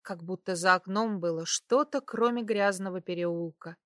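A woman reading a first-person romance novel aloud in a measured, intimate storytelling manner. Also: fairly low pitch, no room sound, studio quality. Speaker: audiobook narrator. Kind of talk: first-person audiobook narration.

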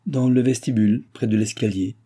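A man's voice: medium pitch, a little fast, warm tone, lightly acted. A man voicing a sly young chambermaid in an audiobook, talking in a sugary, insinuating way. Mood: sneering.

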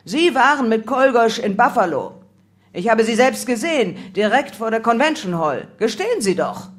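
A woman's voice: fairly high pitch, big pitch swings, moderate pace, pitched above the performer's own voice. A woman doing an accusing detective. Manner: accusing, demanding. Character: hostile male detective interrogator.

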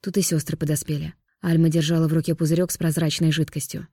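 A woman narrating an audiobook in a steady, even storytelling manner. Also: sits low, quick pace, dry recording, studio quality. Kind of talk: scripted narration.

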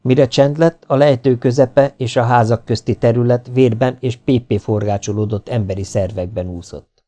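A man reading an audiobook in a steady, measured narration. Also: medium pitch.

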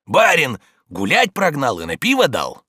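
A man's voice: medium pitch, huge pitch swings, unhurried, bright, forceful tone, slightly rough, dry recording, studio quality, voice pushed up, heavily acted. A man doing a stubborn, grumbling old manservant. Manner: sluggish, stubborn, muttering refusals.

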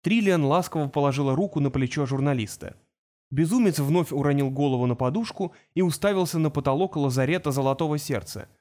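A man narrating an audiobook in a brisk, wry storytelling manner. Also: a little high, darkish tone. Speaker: audiobook reader. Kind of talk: scripted narration.

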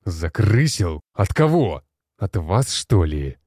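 A man voicing an older male base commander who shouts, swears and rages at his superiors. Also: sits low, lively intonation, measured pace, no room sound, studio quality. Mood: indignant.

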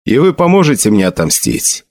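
A man's voice: medium pitch, very animated, fairly quick, a little mellow. A man voicing a haunted young nobleman, shaken and vengeful, speaking in a tense, trembling voice. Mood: grim.

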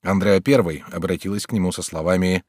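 A man narrating a classic novel in a measured, expressive reading. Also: sits low, no echo, clean studio sound. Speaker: audiobook narrator.

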